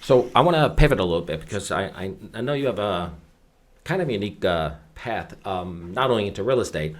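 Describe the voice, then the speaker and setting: A man with a very low voice hosts a relaxed interview. He speaks as a real estate instructor, stumbling over the first words of his sentences and then making his point plainly. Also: brisk. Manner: affirming, stammers on starts. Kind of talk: casual interview chat.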